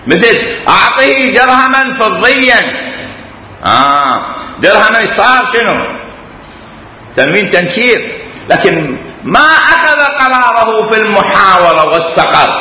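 A man with an Iraqi Arabic accent gives an animated classroom lecture, his pitch leaping up and down as he repeats examples. His bright, fairly high voice rings through a hall with a long echo and faint room ambience. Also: slight background noise. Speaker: teacher.

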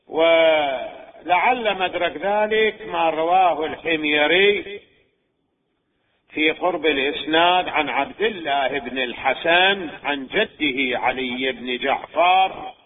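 A man teaching religious law in a scholarly lecture, measured and deliberate, posing questions and answering them himself. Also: fairly high pitch. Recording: tinny phone-like recording.

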